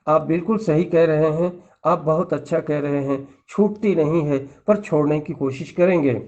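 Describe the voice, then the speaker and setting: A man's voice: on the high side, darkish tone, close to an everyday voice. A grateful old village man, agreeable and sheepish, as a preacher quotes him on a dull lo-fi recording.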